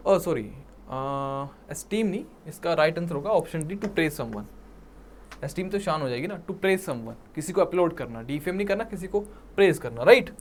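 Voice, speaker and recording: Switching between Hindi and English, a Punjabi-accented man teaches exam vocabulary, repeating words slowly and often checking "ठीक है?" and "right?". His voice sits on the high side and is expressive, with a little hiss or hum in the recording.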